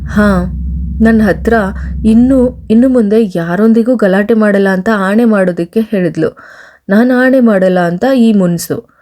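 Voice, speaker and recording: A woman reading as a playful rough young husband. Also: high voice, a little slow, mellow.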